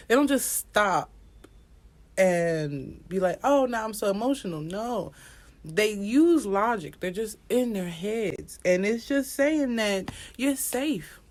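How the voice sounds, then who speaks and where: A woman's voice: medium pitch, a little mellow. A woman giving a casual astrology reading as an oracle card reader, rambling and repetitive, speaking straight to viewers and swearing now and then.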